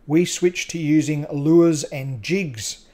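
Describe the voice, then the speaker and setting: A man narrating a scripted voice-over introduction in an upbeat, steady presenting manner. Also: a little high, takes it slowly. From Australia. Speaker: fishing channel host.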